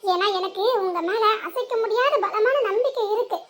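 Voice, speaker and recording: A woman's voice: very high-pitched, moderate pace. A woman voicing an emotional, loyal young village wife in a cartoon, with a southern Tamil Nadu accent, teasing and earnest by turns. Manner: teasing, then tearful and earnest. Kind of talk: cartoon voice acting.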